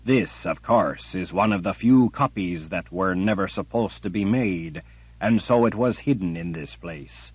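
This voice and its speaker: A man voicing a cruel, patient male emperor villain who speaks in a cold, deliberate, menacing way. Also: low-pitched, slightly rough, dry recording. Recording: dull lo-fi recording.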